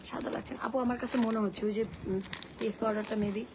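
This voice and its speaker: A hoarse woman hosting a casual live sale, her voice worn and gravelly from shouting. She speaks in a slightly high register and chats bluntly to her viewers. The stream audio carries a clear layer of background noise. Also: steady tone, brisk. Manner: chatty and blunt, reads viewer comments aloud.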